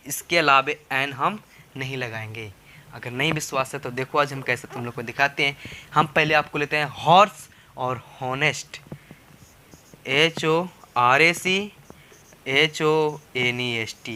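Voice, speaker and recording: Male spoken-English teacher, very bright tone, slightly high voice, repetitive and coaxing. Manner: repetitive, coaxing, asks rhetorical questions. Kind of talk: classroom lesson explaining grammar.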